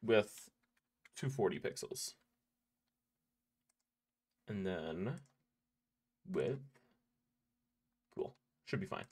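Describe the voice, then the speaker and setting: A man's voice: fairly low pitch, animated, drawn-out words, long pauses, darkish tone, breathy edge. A man streaming a game live, chatting in a laid-back, rambling way with many fillers and restarts. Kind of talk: casual live-stream chat while playing.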